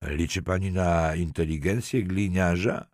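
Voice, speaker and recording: A man's voice: low-pitched, a little slow, darkish tone, no room sound. A man reading a self-assured police lieutenant who trades dry, ironic banter. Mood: wry.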